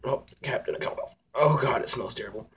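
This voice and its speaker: A young man filming a hot sauce challenge vlog, talking casually to viewers and reacting loudly as his mouth burns. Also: mid-range voice, brisk, breathy edge. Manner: excitable, talks to viewers, reacts loudly to heat. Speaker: vlogger.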